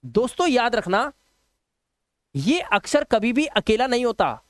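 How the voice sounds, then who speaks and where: A man's voice: very high voice, big pitch swings, a little slow, fairly bright tone, dry recording. A man teaching a video lesson, patient and repetitive, often asking the viewers questions. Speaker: English teacher. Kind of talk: classroom-style video lesson.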